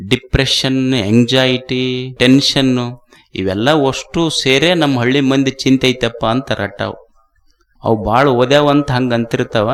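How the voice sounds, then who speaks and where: A man giving a devotional discourse, telling stories in slow, rhythmic phrases and repeating lines for emphasis. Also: mid-range voice, a bit bright. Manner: slow, rhythmic storytelling with repetition. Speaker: spiritual speaker.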